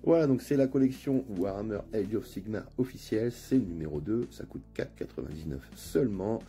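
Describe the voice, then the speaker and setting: In this casual unboxing narration, the host talks in a low, mellow, warm voice with a northern French accent. He's easygoing and talkative but hesitates often, and quiet music runs in the background.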